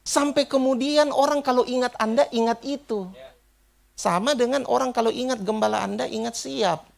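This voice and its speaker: Gravelly-voiced male pastor telling stories. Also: extremely high pitch, moderate pace. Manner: animated storyteller, acts out quoted people, laughs while telling. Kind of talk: sermon with storytelling and prayer.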